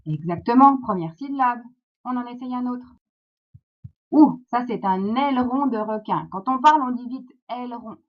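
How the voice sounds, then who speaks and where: A woman with a French accent teaching a phonics lesson to young children, slow and clear, encouraging, sounding out words syllable by syllable. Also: on the high side, expressive. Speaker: primary school teacher. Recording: dull lo-fi sound.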